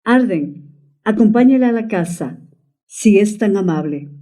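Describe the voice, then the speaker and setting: A woman's voice: medium pitch, expressive, measured pace, mellow, distant mic, close to an everyday voice. A woman voicing a polite plantation manager who speaks with formal courtesy. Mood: courteous.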